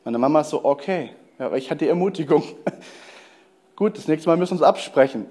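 A man preaching a lively sermon, telling stories and speaking straight to his listeners. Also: fairly high pitch, brisk. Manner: lively storytelling preacher, addresses listeners directly. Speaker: pastor.

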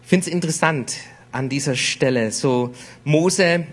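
A man preaching a sermon in a slow, emphatic way, repeating words for weight. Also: on the high side.

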